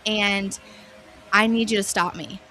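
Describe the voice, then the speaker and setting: A woman's voice: medium pitch, steady tone, a little slow, bright, forceful tone, a little hiss or hum. A woman in her thirties or forties, a wellness guest on a radio interview, talking in an earnest, faith-based coaching way.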